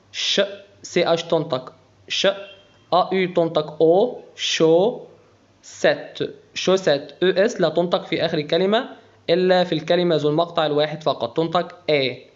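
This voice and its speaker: A man's voice: fairly high pitch, lo-fi sound. A man with an Egyptian Arabic accent teaching a beginner French lesson, breaking words down sound by sound. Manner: slow, spells out pronunciation letter by letter.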